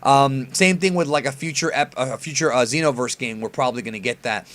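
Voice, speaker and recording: A man's voice: mid-range voice, a little fast, fairly bright tone. Casual guy doing anime fan commentary. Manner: informal, mildly profane slang. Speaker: host reacting to an anime preview.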